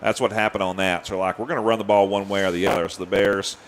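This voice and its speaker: A man calling high school football play by play, winded, laughing and chatty. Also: fast, a little hiss or hum. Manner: excitable, laughs often, chatty. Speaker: play-by-play announcer.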